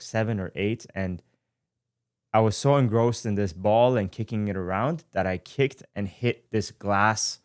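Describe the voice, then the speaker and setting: In a studio, a man from Iran in his 20s hosts his podcast and shares his personal story casually and thoughtfully, frequently stopping to rephrase or fill gaps. He has a lowish voice, and the sound is clean with no echo.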